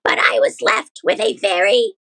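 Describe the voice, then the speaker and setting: A woman's voice: medium pitch, moderate pace, fairly bright tone. A woman from Canada telling stories as an interview guest in a casual, chatty way. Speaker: guest, musical theatre performer and content creator.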